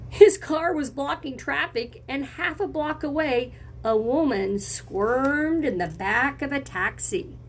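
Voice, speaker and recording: Taking her time, a woman with a high voice reads a picture book to young children, with a slight hiss or hum on the recording. As their teacher she uses simple, expressive phrases and poses encouraging questions to them.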